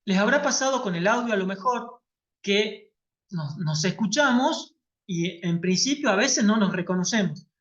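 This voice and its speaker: A woman's voice: mid-range voice, animated, moderate pace. Lady teacher on a video call, explaining stuff and checking in a lot, kinda muffled audio. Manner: explanatory, checks in with students often. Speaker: workshop teacher. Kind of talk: online class lecture.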